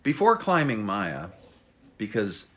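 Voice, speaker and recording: Presenting his own memoir, this man mixes loose conversation with dramatic reading, stopping and restarting himself, adding wry remarks and stressing words theatrically. His voice is fairly low, a bit bright, and swings hugely in pitch.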